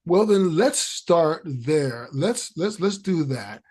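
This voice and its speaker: Male podcast host, slightly high-pitched, effusive, stumbles and repeats words mid-sentence. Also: animated, slow, darkish tone, breathy edge. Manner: effusive, repeats words while searching for them. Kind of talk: podcast interview.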